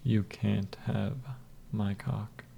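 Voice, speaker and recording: A man voicing a cruel, scheming male hypnotist who speaks slowly and softly in a commanding way. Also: on the low side, flat delivery, creaky, a little hiss or hum, full character voice. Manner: slow, soft, commanding.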